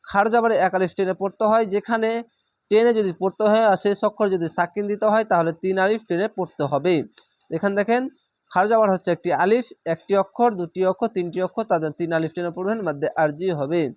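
A man's voice: high-pitched, fast, darkish tone, no echo, clean studio sound. A man teaching Quran reading, spelling each letter and vowel aloud before blending the syllables, with patient repetition.

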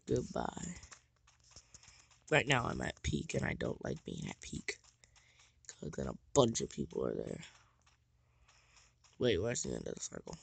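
Raspy, hoarse woman gaming. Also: rumbling low, unhurried, long pauses. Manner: excitable, trash-talking, swears often. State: hoarse and tired. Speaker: new YouTuber playing a shooter game. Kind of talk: let's play commentary.

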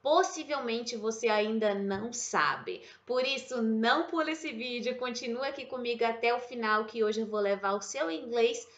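A woman with a Brazilian Portuguese accent teaching an online English lesson, upbeat, slowing down to model pronunciation. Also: a little high, fairly bright tone, dull audio. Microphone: webcam or desk mic with screen share.

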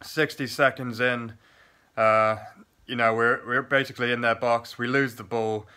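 A young man gives a casual, chatty post-match review straight into his phone in a small plain room. His voice is bright and clear, held on a fairly level pitch, full of "uh"s and restarts. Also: moderate pace. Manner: chatty, lots of fillers and restarts, excited play-by-play. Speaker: football fan vlogger. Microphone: phone camera at arm's length.

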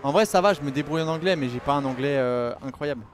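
A man's voice: mid-range voice, quick pace, noisy background. A man streaming a racing game live, chatting casually and reading viewer messages aloud in loose slang. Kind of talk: casual live-stream chat while gaming.

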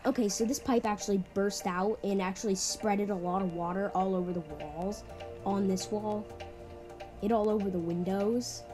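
A woman's voice: mid-range voice, moderate pace. Young female builder, rambling game-map tour, music underneath. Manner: rambling, repeats "pretty much". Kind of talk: casual game walkthrough.

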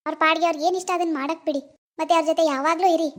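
A woman doing a reassuring cartoon doctor with a very high, quick voice. She lays out her advice point by point, calm and steady.

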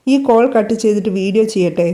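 A woman's voice: mid-range voice, quick pace, warm tone, natural voice. A woman doing a tender, teasing young lover. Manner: affectionate, playful.

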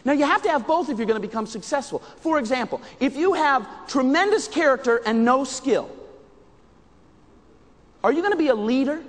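On stage in a large indoor conference hall, a middle-aged American man delivers an interactive motivational keynote, projecting emphatically to the crowd. His voice is very high and a bit bright, and the recording is reverberant.

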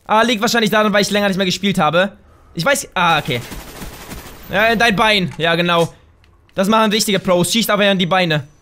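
High, bright, excitable gamer man. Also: a little fast. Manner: excitable, bursts into loud shouts and exclamations; chatty, talks straight to viewers. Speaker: gaming channel host. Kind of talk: let's play gameplay commentary.

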